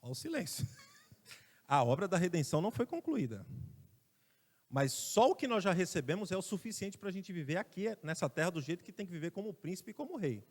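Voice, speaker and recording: A high-pitched Brazilian man preaches a sermon with strong emphasis, stopping to have the congregation repeat lines back to him. His voice rings out with a long reverb from the church hall around him. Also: big pitch swings, brisk, a little mellow. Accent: Brazilian Portuguese. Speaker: pastor. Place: church sanctuary.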